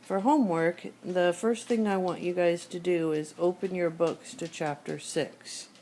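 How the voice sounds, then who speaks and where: A math teacher with a sore throat walks through problems one step at a time in a screencast lesson. Her voice sits low and mellow. A faint hiss runs under it. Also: measured pace. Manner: steady step-by-step explaining, thinking aloud. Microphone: tablet screencast recording.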